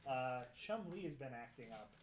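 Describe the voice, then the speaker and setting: A man's voice: medium pitch, animated, moderate pace. Chuckling man reading game notes. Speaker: player reading session notes. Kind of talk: casual tabletop game chat. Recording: echoey room with background noise.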